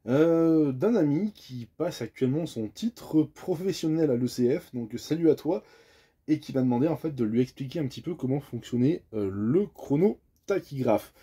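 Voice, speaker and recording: His voice on the high side, animated, mellow and slightly rough, a bus driver from France explains a tachograph at normal speed. The step-by-step talk is casual and sociable, peppered with hesitations and filler words.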